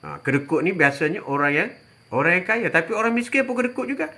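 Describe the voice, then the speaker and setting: An older man from Malaysia giving religious advice on a live stream, answering viewers in a chatty way, repeating phrases and often dropping a quick "ha". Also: sits high, big pitch swings, pushed and bright. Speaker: religious teacher.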